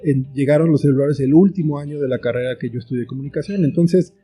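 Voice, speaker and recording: A middle-aged writer and filmmaker with a Mexican Spanish accent speaks reflectively as a guest in a conversational interview, his medium-pitched voice quick and breathy-edged. Soft plucked guitar music plays faintly behind him.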